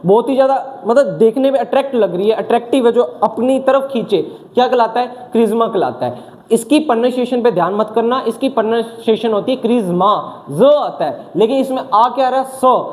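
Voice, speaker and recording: Very high-pitched guy teaching vocab, keeps asking questions then answering them himself. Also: a little mellow. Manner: mixes English words into his talk. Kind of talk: vocabulary class.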